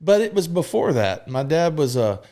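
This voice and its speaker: A man's voice: a little high, very animated, normal speed, warm tone. A man in his thirties from Mississippi, a podcast guest telling his life story frankly and openly, with fillers and the odd curse. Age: 30s. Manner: frank and open, peppered with fillers and profanity. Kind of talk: candid conversational storytelling.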